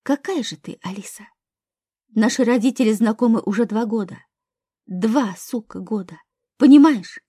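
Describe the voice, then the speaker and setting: A woman's voice: fairly high pitch, normal speed, dark tone, breathy edge, dry recording, studio quality. A woman reading an audiobook, voicing a brash young man who mocks and growls at his stepsister. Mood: mocking. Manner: mocking, growling. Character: brash mocking young male stepbrother.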